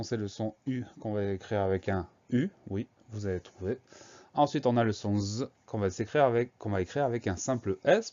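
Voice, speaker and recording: A man's voice: fairly low pitch, warm tone, muffled recording. A man teaching a spelling lesson, patiently spelling words out letter by letter.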